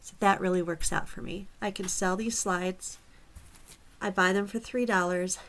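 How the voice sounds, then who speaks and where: A woman from Michigan's Upper Peninsula, whose accent mixes Upper Michigan and Southern Florida, chats to her viewers about reselling in a casual direct-to-camera vlog. Her mid-range voice is fairly bright with fairly even intonation and a moderate pace, and she's friendly and chatty, calling viewers "y'all."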